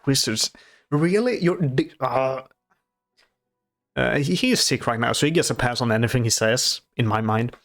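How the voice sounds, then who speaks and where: A man giving casual reaction commentary on a show, off camera, in a halting, soft-spoken way with many restarts. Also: mid-range voice, soft background music. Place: off-camera voice-over.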